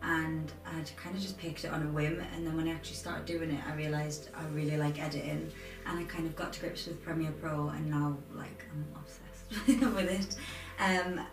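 Casual interview guest: woman, 20s, Durham accent, slightly low voice, roomy distant recording over clear music. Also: steady tone, normal speed, hardly any pauses. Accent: Durham, north-east English. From Durham, England. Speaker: interview guest, aspiring film and TV editor.

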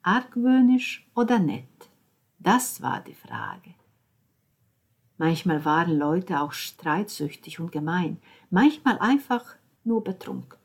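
Slow, husky-voiced woman narrating. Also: lowish voice. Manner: calm and measured, dropping to near whispers. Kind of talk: audiobook narration.

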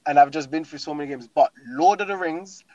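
Young male, London roadman accent, emphatic slangy chat, higher-pitched, dull lo-fi sound. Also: fairly quick, a little mellow, no room sound. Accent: London, urban roadman slang style. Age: young adult. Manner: slangy, emphatic, repeats phrases. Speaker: guest talking through favourite games. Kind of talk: casual chat.

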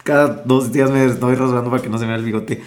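A young man with a Mexican accent, a musician guest telling his story in a casual interview, slangy and animated, acting out what others told him. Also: mid-range voice, rapid-fire. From Mexico, Michoacán. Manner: slangy, animated, acts out quoted dialogue.

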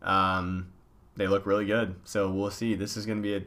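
A man hosts a sports podcast in top ten countdown style. His voice is fairly low and bright, with a forceful edge. He announces each ranking, then chats about it casually. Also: flat delivery, moderate pace. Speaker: podcast host.

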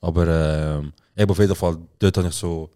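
A Swiss German man with a very low, dark voice tells stories at a rapid clip in slangy, casual podcast chat. The sound is close and dry, as in a small studio. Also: fairly even intonation, no echo. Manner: storytelling, slangy, quick. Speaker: podcast co-host.

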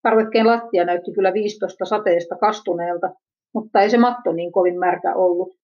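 A woman's voice: lowish voice, steady tone, a little mellow. A woman reading a first-person personal narrative aloud in an introspective, self-questioning manner, on a dull lo-fi recording.

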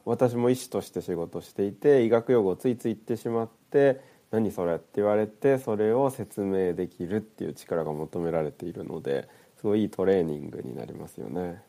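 Low gravelly guy, doctor on a podcast, thinks out loud, dark tone. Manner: thoughtful, hesitant with fillers. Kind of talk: casual podcast chat.

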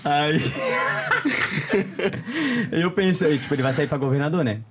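A man's voice: a little high, unhurried, background noise. A young man, chatting casually as a podcast guest, full of slang and frequent laughter. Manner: slangy, laughs often, animated storytelling.

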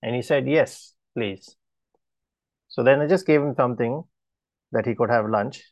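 Gravelly-voiced man giving a testimony. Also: mid-range voice, no room sound. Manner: earnest, halting storytelling with restarts. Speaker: preacher. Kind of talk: personal testimony in a sermon.

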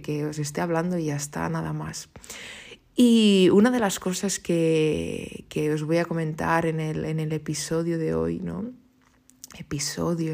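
A young woman from Spain hosting a casual, unscripted podcast, rambling warmly and tagging sentences with little questions. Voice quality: low, gravelly voice. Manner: chatty, rambling, frequent "¿no?" tags and giggles. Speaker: podcast host and tech YouTuber.

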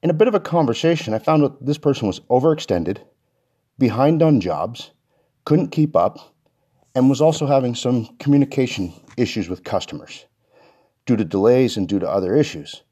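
A man's voice: mid-range voice, expressive, normal speed, warm tone, husky. A man hosting a solo podcast, talking casually and earnestly, a little out of breath after a workout. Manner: earnest, reflective. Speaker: podcast host.

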